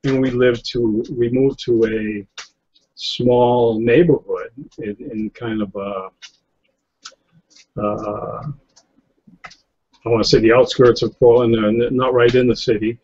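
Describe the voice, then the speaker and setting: A man's voice: mid-range voice, little pitch movement, slow pace, pauses often, darkish tone, a little hiss or hum. A man in his fifties from New England, a photographer chatting casually in an interview over a video call, rambling with lots of fillers and restarts. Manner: rambling, many fillers and restarts, chuckles often. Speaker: guest photographer. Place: indoor room, seated in office chair. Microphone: webcam on a video call. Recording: slightly lo-fi video call audio.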